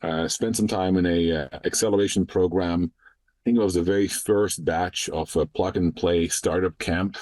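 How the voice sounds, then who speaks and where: Deep-voiced founder from the Netherlands. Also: male voice, steady tone, a little mellow, dry recording. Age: 30s. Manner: measured, frequent "uh" and "um" fillers. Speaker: startup founder guest. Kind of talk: podcast interview.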